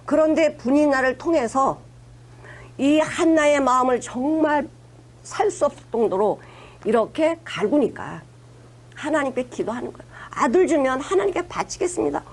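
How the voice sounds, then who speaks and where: A woman's voice: high voice, animated, moderate pace. A woman pastor preaching a conversational sermon, retelling scripture with acted-out quotes and emphatic asides.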